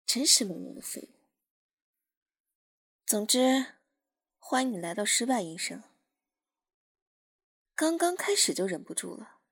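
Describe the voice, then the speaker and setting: A woman voicing a teasing, contemptuous, dominant young woman in an adult ASMR role-play, breathy and husky, murmuring right into the listener's ear. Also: mid-range voice, dry recording, studio quality, full character voice. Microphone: very close, dry microphone.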